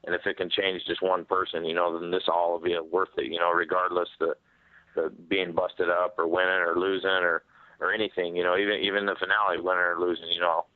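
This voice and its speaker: Very low-voiced man on a muffled phone line. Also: little pitch movement, dry recording. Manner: halting, repeats words. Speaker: professional MMA fighter being interviewed. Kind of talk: candid media call answer. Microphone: telephone. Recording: muffled narrow-band phone conference line.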